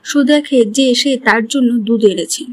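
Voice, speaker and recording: A woman's voice: a little high, a little slow, darkish tone, no echo. A woman retelling a drama's story scene by scene and reading the characters' lines in her own voice. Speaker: drama recap narrator.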